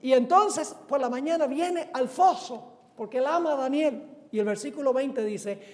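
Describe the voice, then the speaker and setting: A man preaching a sermon as pastor, asking the congregation questions and answering them himself, and swelling loud on key words. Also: very high-pitched, normal speed. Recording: long reverb of a large hall.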